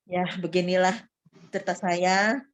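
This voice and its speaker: A woman recovering from illness, telling her personal faith testimony to a church group with animated retelling of her prayers and frequent restarts. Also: fairly low pitch, measured pace, clean tone, low-quality recording. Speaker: church member giving testimony.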